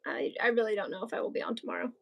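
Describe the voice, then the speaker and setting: Racing through her words with lively intonation, a teenage girl co-hosting a crochet livestream rambles casually with lots of likes and ums. Her voice is mid-range and creaky.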